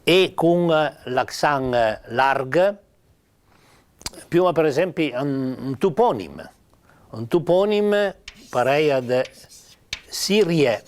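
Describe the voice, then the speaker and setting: An older man with a Piedmontese accent giving an informal spoken lesson on spelling, halting with many pauses and fillers. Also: on the high side, very animated. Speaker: writer teaching Piedmontese spelling.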